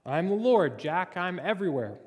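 A man voicing God in a joke, speaking calmly and reassuringly. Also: high voice, moderate pace, big-room sound. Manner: calm, reassuring. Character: calm, gently amused male God voice.

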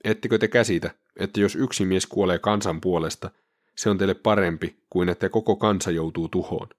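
A scornful high priest with a very deep voice, as a man reads his words aloud. The recording is close and dry, with no room sound. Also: steady tone, dry recording.

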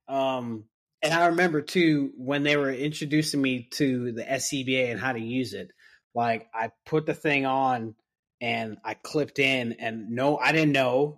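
Man, firefighter guest, casual storytelling, mid pitch, quotes people animatedly. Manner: animated retelling, acting out others' lines.

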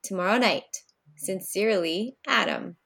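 A woman, a guest author, reading her children's storybook aloud with expressive storytelling. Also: mid-range voice, a little slow, vocal fry, slightly rough.

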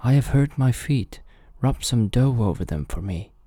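A man's voice: medium pitch, animated, moderate pace, warm tone, no echo, studio quality, pitched above the performer's own voice, natural voice. Man playing a sly wolf, raised wheedling voice. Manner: wheedling, falsely sweet. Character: sly deceitful male wolf posing as a gentle mother.

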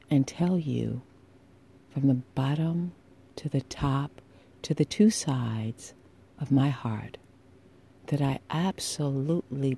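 A woman hosting a solo podcast with a sultry, husky voice, speaking intimately and deliberately with emphatic pauses, affectionate and encouraging toward listeners. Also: deep voice, mellow. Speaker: podcast host.

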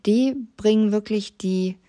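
A woman hosting a solo podcast, talking directly to the listener in an earnest, gentle way and posing many self-reflection questions with frequent restarts. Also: mid-range voice, a little slow. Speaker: podcast host.

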